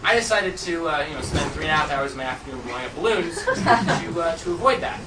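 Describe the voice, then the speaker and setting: A man's voice: on the high side, expressive, fast talker. A man working as a stage magician, delivering jokey theatrical patter to a live audience in a fairly large room. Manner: jokey, chuckles at own jokes. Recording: echoey room from far off, loud noise.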